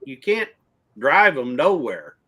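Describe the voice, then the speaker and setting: A man's voice: on the high side, very animated, slow pace, bright, forceful tone. A man with a Texan accent, a rancher guest in a casual stream chat, explaining at length in country grammar.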